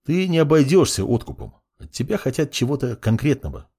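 A man's voice: medium pitch, wildly swooping pitch, a little fast, warm tone, husky, pitched above the performer's own voice, heavily acted. A man voicing a young male judge who is irritated and condescending, speaking in a brusque, lecturing way in an audiobook.

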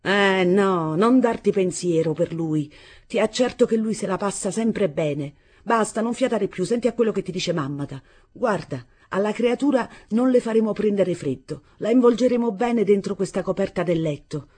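A woman voicing a fierce, possessive middle-aged mother with a Neapolitan accent, loud and commanding in a husky voice. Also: mid-range voice, animated, normal speed, pitched above the performer's own voice.

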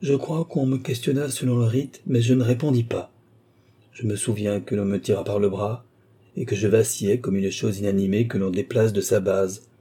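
A frightened young woman pours out her tale with urgent, dramatic dread. A man reads her in a low, husky voice with a mellow, dark tone. It sounds like a storybook audiobook. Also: steady tone, normal speed. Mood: haunted. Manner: urgent, dramatic first-person telling. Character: distraught young woman recounting a dark abduction.

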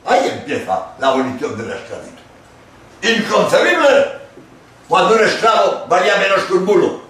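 Lively Spanish man preaching in an echoey hall. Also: high voice, recorded from a distance. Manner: emphatic, with dramatic pauses and acted-out quotes. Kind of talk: sermon-style lecture.

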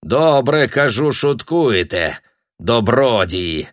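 A man's voice: low-pitched, takes it slowly, fairly bright tone, dry recording, studio quality. A male narrator voicing a grumbling, resentful elderly man who drawls sarcastically in an audiobook. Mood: sarcastic.

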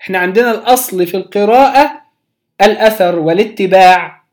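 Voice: mid-range voice, a little mellow. Egyptian-accented Quran recitation teacher. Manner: patient, explanatory, drawing out recited example words slowly. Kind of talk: recorded religious lesson.

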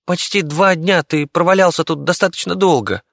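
A man voicing a small, excitable male rat in an audiobook reading, with a squeaky, frantic manner. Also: normal speed, gravelly, no echo, clean studio sound. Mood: glum. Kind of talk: audiobook character voice.

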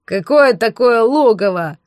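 Woman doing a gruff mocking bandit. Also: on the high side, lively intonation, a little slow, no room sound, clean studio sound. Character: crude burly male bandit, threatening and mocking.

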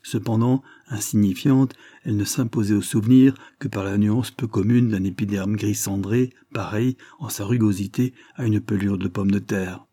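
A man reading a storybook aloud in a steady, even narration. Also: fairly low pitch, normal speed, few pauses, no room sound. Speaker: audiobook reader.

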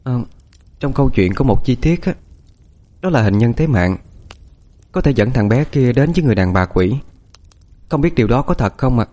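A man voicing a brave but soft-spoken young village woman asking a hesitant question in an audiobook. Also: medium pitch, lively intonation, normal speed, long pauses, pitched above the performer's own voice, lightly acted. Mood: timid.

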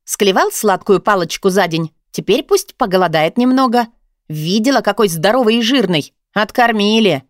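A woman's voice: medium pitch, animated, normal speed, no room sound, studio quality, natural voice. A woman voicing a blunt, grudging young woman, a weary dispatcher, who drags out her reproachful words. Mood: irritated.

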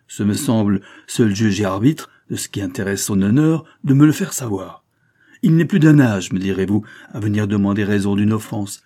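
A man's voice: on the low side, warm tone, breathy edge. A man voicing a sly masked detective who answers with bold, ironic defiance.

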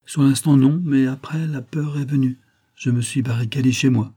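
Brief: man reading a frank, wry woman, husky and warm. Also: medium pitch, steady tone, normal speed, voice pushed up, natural voice.

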